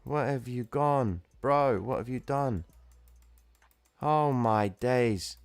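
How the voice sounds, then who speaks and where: On his livestream, a man gives a laid-back explanation of chart trading, chatting with commenters, reading the chat, and calling viewers "guys" and "bro." He talks slowly in a medium-pitched, clean-toned voice with no echo.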